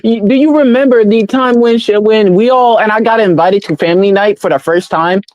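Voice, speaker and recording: A young woman chatting with friends in a blunt, excitable way, full of slang and swearing. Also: medium pitch, brisk, no room sound, rough recording. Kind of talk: casual chat.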